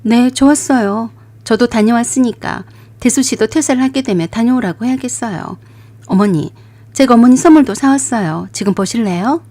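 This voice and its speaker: A young married woman who stays polite but will not back down, voiced by a woman in a radio drama. Her voice is mellow and soft-edged. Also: on the high side, normal speed, no room sound, natural voice. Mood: bright. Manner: polite, rising to indignant.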